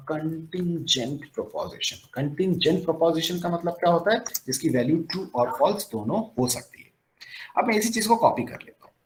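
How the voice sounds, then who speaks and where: A man's voice: fairly high pitch, a little hiss or hum, poor audio. A man teaching logic in a classroom-style lecture, asking questions and answering them himself. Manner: lively, asks questions and answers them himself, mixes in English phrases. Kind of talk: classroom lecture on a recorded screen.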